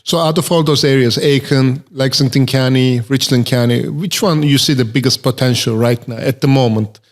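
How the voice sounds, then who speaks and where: A man's voice: medium pitch, fairly even intonation, normal speed. A man hosting a podcast, introducing his guest and asking brief, curious questions in a casual talk. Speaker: podcast host, physician. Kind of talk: casual interview conversation.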